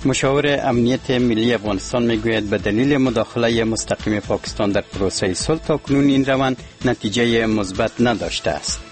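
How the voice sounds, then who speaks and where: A man reading the radio news in a steady, formal way. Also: medium pitch, faint music behind. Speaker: newsreader. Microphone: studio mic.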